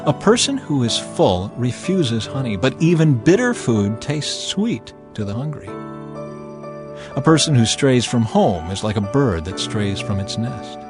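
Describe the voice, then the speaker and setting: Over background music, a man with a mid-range, sing-song voice reads scripture dramatically as a Bible narrator. He delivers it in a theatrical, emphatic, deliberate way.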